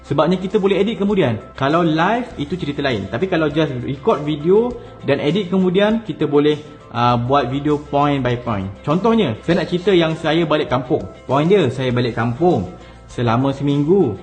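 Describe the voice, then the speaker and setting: A man's voice: a little high, expressive, normal speed, a little mellow, soft background music. A man with a Malaysian Malay accent giving casual step-by-step tips to camera, explaining in an easygoing way. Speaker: content creation coach. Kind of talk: casual instructional talk to camera.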